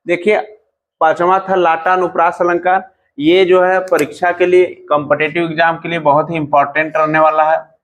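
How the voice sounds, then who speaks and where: High-voiced grammar teacher. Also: male voice, little pitch movement, a bit bright. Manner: calls students "beta", asks and answers his own questions, recites verse slowly. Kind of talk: classroom-style grammar lesson.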